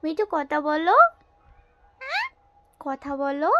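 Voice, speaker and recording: Woman vlogger, very high slow baby-talk coo to a pet, sing-song and coaxing. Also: no echo.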